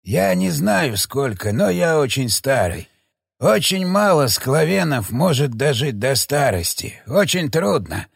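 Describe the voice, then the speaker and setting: A man voicing a creaky, frightened ancient elder. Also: a little high, big pitch swings, no room sound, studio quality, exaggerated voice. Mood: somber recounting. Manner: speaks in hushed, halting phrases. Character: frightened ancient male elder, hushed and wary. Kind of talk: audiobook character voice.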